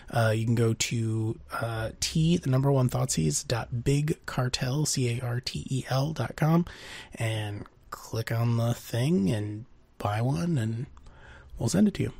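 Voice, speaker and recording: A man with a cold hosts a casual podcast, his voice nasal and stuffed up. He rambles loosely with many fillers and self-corrections, at a middle pitch, recorded close and dry with no room sound. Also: a little slow, gravelly, darkish tone, no room sound. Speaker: podcast host.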